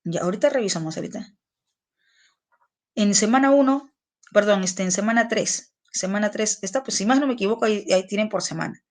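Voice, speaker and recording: A woman teacher, giving an online class, explaining slowly and repeating phrases for her students. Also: mid-range voice.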